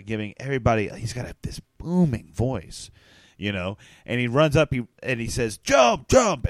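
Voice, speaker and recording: A man hosting a casual comedic chat, telling rambling deadpan tall tales with lots of fillers. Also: medium pitch, dry recording.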